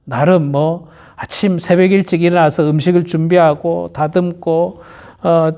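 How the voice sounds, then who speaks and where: A man's voice: fairly high pitch, little pitch movement, measured pace, warm tone, clear, resonant tone. A male pastor preaching at an early-morning prayer service, repeating his key phrases and speaking straight to the congregation. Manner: acts out quoted churchgoers in little voices.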